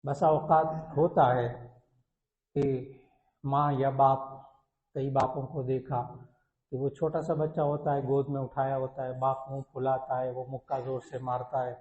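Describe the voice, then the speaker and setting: A man's voice: mid-range voice, flat delivery, a little mellow. Male religious scholar, Pakistani Urdu accent, sermon, earnest storytelling, roomy echo, dull lo-fi sound. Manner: earnest storytelling, repeats key points for emphasis. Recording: echoey, dull lo-fi recording.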